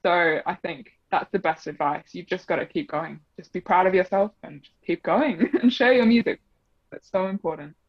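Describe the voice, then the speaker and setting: A young woman, a double bass player, chats casually as an interview guest, her accent a mix of Australian and English, with plenty of fillers and laughter. Her voice is fairly low and slightly rough, moving at a normal speed. The dry recording has no echo and sounds dull and a bit muffled.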